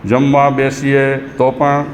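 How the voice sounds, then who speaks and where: A man's voice: mid-range voice, monotone, slow pace. A man, a Jain monk, giving a sermon in a conversational, humorous way and chanting verses in between. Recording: echoey hall with faint noise.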